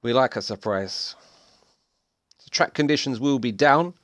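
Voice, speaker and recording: A young man commentating a sim racing league, excitable and chatty with casual slang. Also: mid-range voice, a little slow, no echo, studio quality. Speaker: race commentator.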